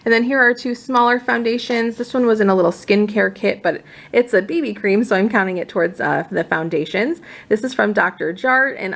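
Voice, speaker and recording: Talking to camera in a gravelly, mid-range voice, this beauty vlogger keeps things conversational as she moves through products. She sounds a little winded, since she is pregnant.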